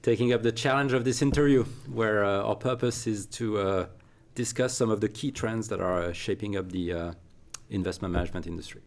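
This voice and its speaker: In a recording studio, a man who is an interviewer and consultant questions a guest conversationally. His voice is lowish and a little fast with few pauses, and he speaks with many fillers and restarts.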